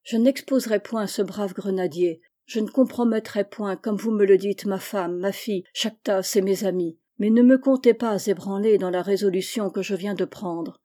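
Woman reading a desperate, resolute young man in a novel; mellow, impassioned. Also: medium pitch, normal speed, few pauses, lightly acted. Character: young French man, despairing yet resolute.

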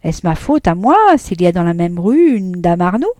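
A woman's voice: fairly low pitch, very animated, normal speed, dark tone, no room sound, clean studio sound. Woman putting on a blustering caught-out husband. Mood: defensive. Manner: jovial, then blustering and defensive. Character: bluff evasive middle-aged husband caught lying.

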